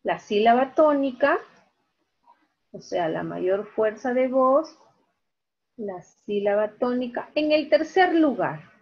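Slow, husky woman teacher on video call. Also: on the high side, expressive. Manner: slow, repeats key words, syllable-by-syllable. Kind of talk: online class lesson. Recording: dull video-call audio.

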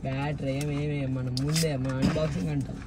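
A man's voice: fairly high pitch, level tone, fast, very noisy. A man joining an unboxing as a sidekick. He jokes and teases in casual banter. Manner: joking, teasing. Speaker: co-host friend.

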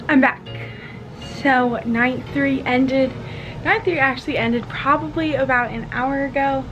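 Bubbly young sorority woman, high voice. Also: measured pace, dull audio, over music. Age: young adult. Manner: bubbly, girly sorority-girl chattiness; heavy use of "like". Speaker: vlogger, college sorority member. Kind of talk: casual vlog chat. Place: small dorm room, indoors. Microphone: handheld camera at arm's length. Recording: clear room noise on camera mic.

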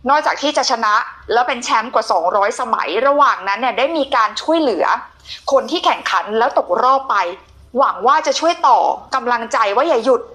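A woman's voice: high-pitched, a little fast, a bit bright. A woman hosting a conversational television interview, speaking affectionately to her guest like an older sister. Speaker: TV show host.

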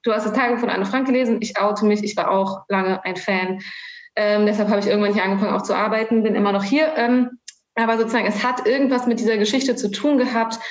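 A woman's voice: mid-range voice, steady tone, fast talker. A woman born and raised in Germany, a guest on a live online panel, who thinks aloud with restarts and small laughs over a video call. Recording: dull, echoey video call audio.

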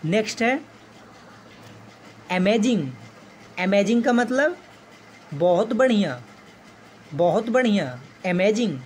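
A woman's voice: mid-range voice, lively intonation, very slow, long pauses, a little mellow, slight background noise. A woman teaching English vocabulary, saying each word and repeating its meaning.

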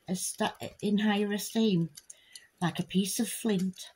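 A woman giving a dry, deadpan comic reading of a parody picture book for adults. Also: medium pitch, breathy edge, rough recording. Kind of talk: comic bedtime story reading.

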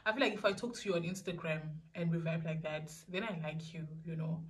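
Rambling young South African woman, slightly low. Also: a little fast. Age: young adult. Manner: rambling, repeats herself. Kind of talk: casual question-and-answer vlog. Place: small indoor room.

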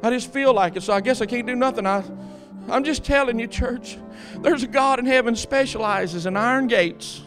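Male preacher, fervent and emphatic, high and bright with a gravelly edge, faint music behind. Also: moderate pace. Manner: fervent, emphatic preaching with repeated calls to the congregation. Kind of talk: sermon.

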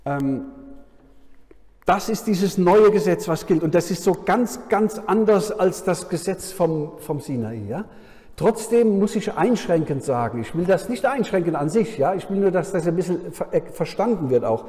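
Preacher with a "ja?" habit, reverberant hall. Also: male voice, high voice, lively intonation, normal speed, mellow. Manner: frequent questioning "ja?" to the audience. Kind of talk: sermon at a Bible conference.

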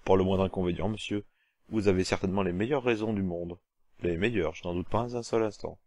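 A man voicing an ambitious, cunning male aide in an audiobook, halting with fillers and fawning. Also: low voice, fairly even intonation, darkish tone, dry recording, studio quality, lightly acted.

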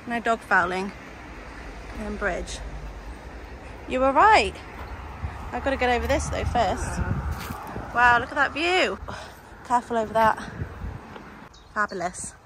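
A woman's voice: on the high side, animated, slow pace, long pauses. Chatty English woman vlogging outdoors. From England. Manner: chatty, cheerful, narrating to camera. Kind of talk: casual travel vlog. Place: outdoors in the countryside. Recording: noisy outdoor camera audio.

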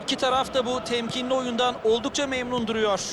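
Male co-commentator, analytical football talk at a brisk pace, heavy background noise. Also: very high-pitched, level tone. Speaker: football co-commentator in a video game. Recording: loud stadium noise behind.

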